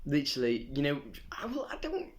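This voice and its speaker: A man's voice: fairly high pitch, huge pitch swings, a little fast, slight background noise. A young man co-hosting a casual comedy chat at home, rambling and jokey with frequent laughter, recorded on a phone camera. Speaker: co-host of a comedy chat channel.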